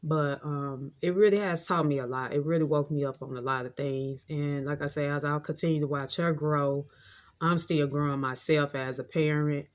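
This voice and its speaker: A woman's voice: low-pitched, fairly even intonation, moderate pace. A woman in her late thirties telling a rambling, heartfelt story in a casual monologue, often repeating herself. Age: 30s. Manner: heartfelt, reflective. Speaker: vlogger.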